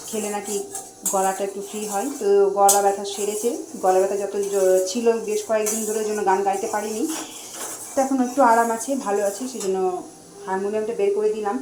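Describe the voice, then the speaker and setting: A middle-aged woman, chatting casually to her phone camera as she cooks at home. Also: mid-range voice. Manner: chatty, running commentary while cooking. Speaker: vlogger, mother cooking at home. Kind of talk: casual home cooking vlog. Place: home kitchen, indoors. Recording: echoey kitchen with faint frying noise.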